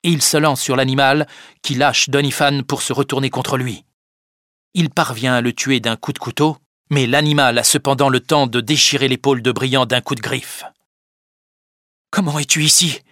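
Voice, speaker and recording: A man's voice: mid-range voice, steady tone, moderate pace, fairly bright tone, no room sound. Man reading a story aloud, dry close sound. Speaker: narrator. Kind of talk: storybook narration.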